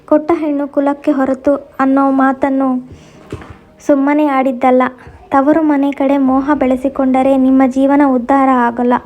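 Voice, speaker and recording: A woman telling a first-person story in a steady, measured reading voice. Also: high voice.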